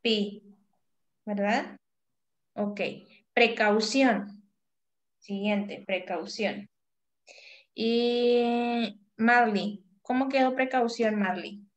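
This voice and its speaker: A woman's voice: fairly high pitch, dull audio. Patient woman teacher on a video call. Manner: patient, calls on pupils by name, drills syllables slowly. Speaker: primary school teacher. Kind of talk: online class over video call. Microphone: video call microphone.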